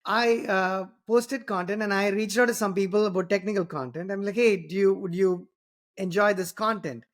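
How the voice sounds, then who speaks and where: A high-voiced man speaks at normal speed with fairly even intonation. He's a podcast host from Tamil Nadu, a native Tamil speaker with an Indian accent, chatting casually with a guest in rambling, winding sentences that keep restarting and leaning on "you know" and "right?"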